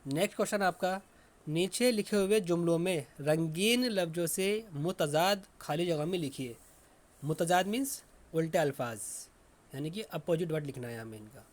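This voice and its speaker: A man teaching a children's language lesson, dictating words slowly and repeating them as he writes them out. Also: fairly high pitch, animated. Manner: slow, repetitive dictation.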